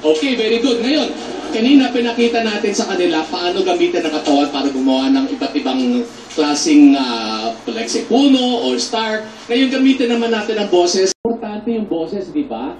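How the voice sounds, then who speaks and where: A man, a theater actor, patiently teaching voice and breathing exercises on a TV show, breaking into loud demonstration shouts. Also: high voice, animated, moderate pace, slight background noise. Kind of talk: instructive voice lesson on a TV show. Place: TV studio with a live audience. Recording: echoey studio, mic some distance off.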